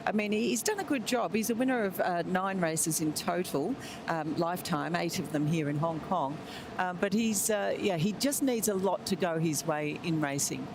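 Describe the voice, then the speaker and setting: A man's voice: high voice, normal speed, background noise. A man giving live pre-race analysis in a conversational, somewhat hesitant manner. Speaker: racing analyst.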